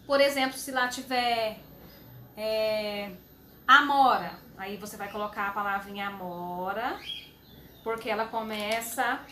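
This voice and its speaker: A woman teacher explaining a homework sheet to young children, slowly and patiently, with fond little words. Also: fairly high pitch, pushed and bright, slight background noise. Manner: slow, patient, uses diminutives. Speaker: schoolteacher.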